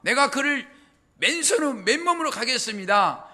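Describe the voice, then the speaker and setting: A man's voice: extremely high pitch, big pitch swings, normal speed, sharp tone, exaggerated voice. A man voicing a fearless, indignant young shepherd boy who hurls urgent, raised retorts. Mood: earnest.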